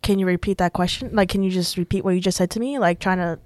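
A woman's voice: on the low side, fairly even intonation, fast, darkish tone, no echo. A young woman, a podcast guest telling a personal story in a chatty way, full of "like" and quoted dialogue. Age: young adult. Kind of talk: casual storytelling.

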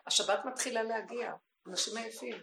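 A woman delivers a religious teaching with real passion. Her voice sits fairly high and has a gravelly edge, dropping to near-hushed asides and then rising to cries. The recording carries a roomy echo. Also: slight background noise. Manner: impassioned, swings from hushed to crying out. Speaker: spiritual teacher. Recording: echoey room recording.

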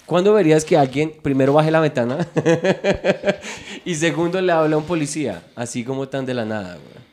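A man's voice: a little high, normal speed, a little hiss or hum. A man with a Bogotá Colombian accent, telling a story in a casual comedy chat and slipping into mimicked accents. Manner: animated storyteller who slips into mimicked accents. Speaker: podcast host.

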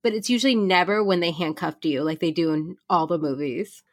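A woman in casual chat as a podcast panelist, talking in an animated way with lots of "like" fillers. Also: on the low side, fairly quick. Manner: chatty, animated, frequent "like" fillers.

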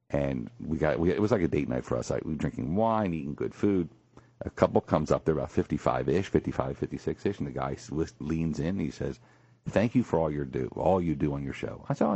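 A male radio show host in a morning talk show, animated and jokey, with a husky voice. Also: no echo. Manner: animated, jokey, swings high for emphasis. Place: radio studio.

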